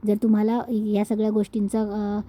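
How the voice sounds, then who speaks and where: A woman's voice: mid-range voice, monotone, moderate pace, dark tone, close to an everyday voice. A woman voicing a stern, irritable male police inspector who gives curt orders.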